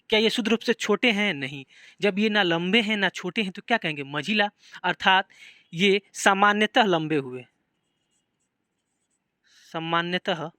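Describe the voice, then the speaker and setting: Bihari guy teaching biology, asks the class lots of questions, highish voice, very dry. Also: pushed and bright, no echo. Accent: Bihari Hindi. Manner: explains in simple terms with repeated questions to students. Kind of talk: classroom lecture.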